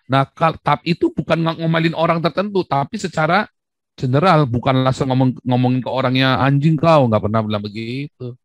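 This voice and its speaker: A man's voice: medium pitch, steady tone, a little fast, no room sound. A man hosting a live video-call discussion, emphatic and lecturing, often repeating himself. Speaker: livestream host.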